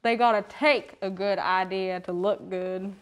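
A woman's voice: medium pitch, fairly even intonation, a little slow, smooth, lightly acted. A woman playing a folksy rodeo queen with a put-on Southern country drawl, full of homespun sayings and calling people honey. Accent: put-on American Southern country. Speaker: guest character.

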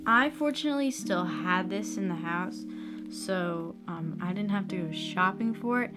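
A young American woman presents a video tutorial in a casual, chatty vlog style, her medium-pitched voice moving at a normal speed. She was recorded indoors in a small room, with plucked guitar music playing behind her.

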